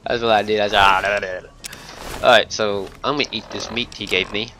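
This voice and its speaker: A man's voice: on the low side, noisy background. A young man commenting on his gameplay, rambling, swearing and taunting enemies, hiccuping now and then. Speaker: let's play gamer.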